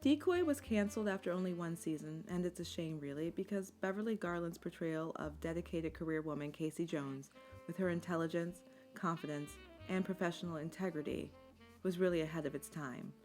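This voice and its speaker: A woman giving scripted documentary narration in a measured, articulate storytelling manner. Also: fairly low pitch, darkish tone. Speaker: video essay narrator. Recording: music bed under the voice. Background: instrumental music.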